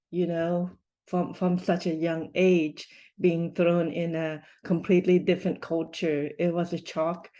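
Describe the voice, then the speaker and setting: A woman, a podcast interview guest who speaks in a measured way with many pauses. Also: lowish voice, warm tone, dull audio. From Thailand. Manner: measured, with frequent pauses and fillers.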